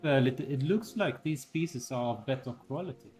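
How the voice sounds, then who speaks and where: A man playing a tabletop role-playing game, talking in improvised role-play with hesitant, halting phrasing. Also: mid-range voice, darkish tone, soft background music.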